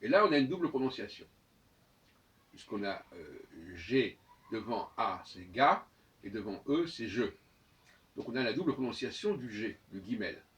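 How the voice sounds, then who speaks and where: A man giving an unscripted spoken lecture, hesitant, often restarting phrases and slowly spelling letters out. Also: medium pitch, far from the mic. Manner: hesitant, restarts phrases, frequent "euh" and "hein". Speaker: speaker of his own channel.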